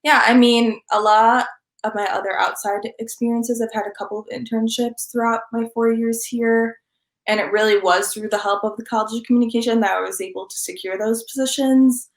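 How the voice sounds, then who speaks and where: A woman's voice: on the high side, fairly even intonation, a little fast. A young woman in her twenties, a student guest giving earnest, reflective interview answers with frequent ums. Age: 20s. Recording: roomy echo.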